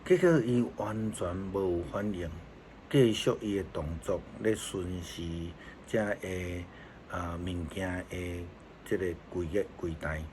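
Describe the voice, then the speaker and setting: Slow, low-voiced Taiwanese Hokkien pastor. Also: male voice, a little hiss or hum. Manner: calm, measured storytelling. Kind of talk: Taiwanese Hokkien devotional sermon.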